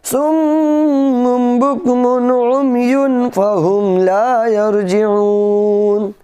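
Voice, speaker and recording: A woman teaching recitation. She chants verses slowly and melodically, then quickly spells out how to join the sounds. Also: fairly low pitch, dark tone. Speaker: Quran reading teacher.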